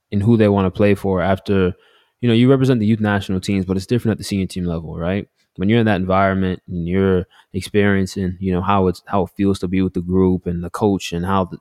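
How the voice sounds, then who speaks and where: A man's voice: deep voice, darkish tone, clean tone, no room sound, clean studio sound. A man co-hosting a sports podcast, reasoning aloud in a loose, conversational way. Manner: conversational, reasoning aloud with frequent "you know". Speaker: podcast co-host. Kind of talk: casual sports podcast discussion.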